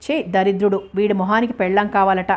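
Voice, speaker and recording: A sharp-tongued young woman answers back with cool sarcasm, as a woman reads her in a storybook. The delivery stays even and flat, with a mid-range pitch. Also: brisk, lightly acted. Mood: sarcastic. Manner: sarcastic, defiant.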